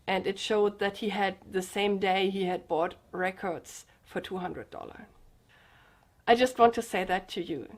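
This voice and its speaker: A young woman vlogger speaking earnestly and emotionally to her viewers, sharing a personal story and addressing them directly. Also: medium pitch. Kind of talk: personal confessional vlog.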